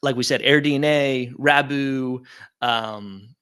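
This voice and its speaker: A man's voice: mid-range voice, very slow, fairly bright tone, clean tone. A middle-aged man presenting a live webinar and taking audience questions, speaking in a casual, upbeat, conversational way with plenty of fillers.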